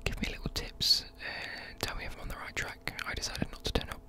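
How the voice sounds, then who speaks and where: A young adult with a British accent giving a whispered, informal ASMR chat, with soft mouth sounds. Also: a little fast. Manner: whispering throughout. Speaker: ASMR creator, university student. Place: indoors at a desk. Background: occasional tapping and desk creaks.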